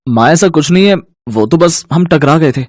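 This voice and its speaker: Young husband in a hindi cartoon, light lively voice, guy doing it, dry close sound. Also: a little high, moderate pace, dry recording, natural voice. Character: young newlywed husband, easygoing.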